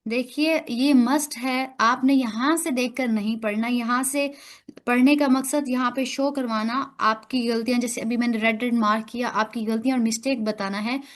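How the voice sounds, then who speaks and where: A woman's voice: fairly high pitch, fairly even intonation, normal speed. A woman with an Urdu accent teaching an online class over a video call, patiently correcting her students' pronunciation point by point. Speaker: online Quran recitation teacher.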